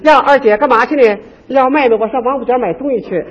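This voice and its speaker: Man putting on teasing young women, coy girlish chatter, quick, lo-fi stage recording. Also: very high voice, husky. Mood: coy scolding.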